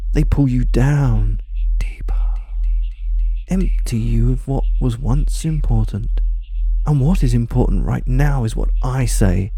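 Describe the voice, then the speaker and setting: Slow, very mellow male hypnotist voice. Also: a little high, no echo. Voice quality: soft, calm, breathy, often dropping to a whisper. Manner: slow, hypnotic, coaxing, commanding delivery with repeated phrases. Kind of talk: slow hypnosis audio, trance induction.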